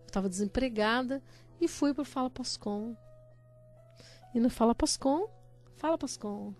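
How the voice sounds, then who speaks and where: A woman's voice: a little high, measured pace, a little mellow, soft background music. A woman giving an earnest personal religious testimony and acting out her own prayers as she tells it.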